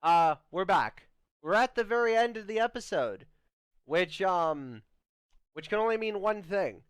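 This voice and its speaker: A young man hosts a comedy skit, speaking slowly in a clear, smooth voice. He stammers and restarts his sentences often. The sound is close and dry, with no room around it. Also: high voice, expressive, no echo. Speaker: host. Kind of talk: comedic scripted podcast skit.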